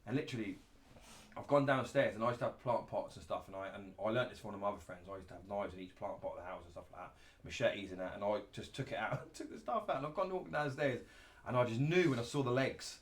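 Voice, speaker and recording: A man's voice: lowish voice, fast. A man telling casual anecdotes as a show host. He is blunt and sweary and laughs through his stories.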